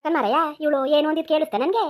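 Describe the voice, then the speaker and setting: A woman's voice: high-pitched, expressive, fast, darkish tone. A woman voicing a nagging, scheming village mother-in-law in a cartoon, with a rural Mysore-region accent and an insistent, repetitive way of talking. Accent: rural Mysore-region Kannada.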